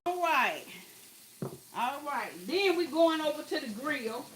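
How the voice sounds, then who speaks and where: A woman's voice: high-pitched, animated, unhurried, a bit bright, a little hiss or hum. A woman chatting casually to her viewers while cooking in her home kitchen. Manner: chatty, talks to viewers as "y'all", exclaims over the food. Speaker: cooking vlogger.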